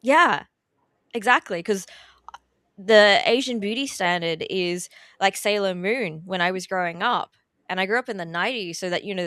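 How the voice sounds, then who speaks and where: Indoors at a relative's house, an Australian woman with a mid-range, slightly bright voice talks casually as a podcast interview guest, captured with studio quality and no echo. She's tearful but chatty, using many fillers and laughing through her emotion.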